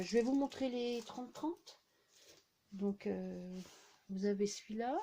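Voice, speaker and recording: Woman, middle-aged, mellow warm voice, casual vlog chat, lots of fillers, relaxed show-and-tell. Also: medium pitch, slight background noise. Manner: chatty, many fillers and "hein" tags. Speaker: scrapbooking vlogger.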